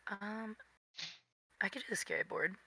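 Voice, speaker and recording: Female tabletop player, very sharp bright tone, dry close sound, casual chat. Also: medium pitch, normal speed, no echo, rough recording.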